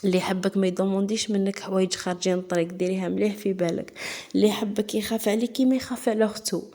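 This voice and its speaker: A woman's voice: medium pitch, fairly even intonation, racing, mellow. A woman giving earnest, repetitive advice to young women, often stopping to ask whether they understand. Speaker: advice vlogger.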